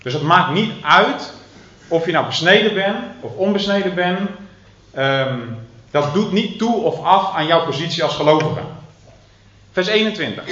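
A man preaching a sermon, taking his time with pauses and pressing down on the words he wants to land. His voice sits a little high for a man. The sound is roomy and a bit muffled, as if captured from across a hall. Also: a bit bright. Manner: teaching with many hesitations and slow emphatic stresses. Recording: echoey room, muffled lo-fi sound.

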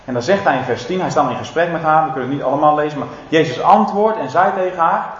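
A man preaching a sermon to a church congregation, swinging from loud proclaiming to low, intimate asides, and speaking to his listeners in a casual, direct way. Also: quick pace. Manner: emphatic, building to loud proclaiming, then dropping low and intimate. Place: church service. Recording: roomy, slightly dull hall sound.

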